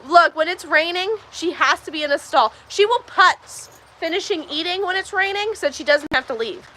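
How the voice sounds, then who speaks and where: A woman's voice: very high voice, lively intonation, normal speed, bright, forceful tone, a little hiss or hum, low-quality recording. A woman from Texas hosts a casual livestream from a barn's milking stall. She chats with viewers and answers their questions while coaxing the cows along. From Texas, USA. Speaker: livestream host. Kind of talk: casual livestream chat while doing farm chores. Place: milking stall in a barn on a farm.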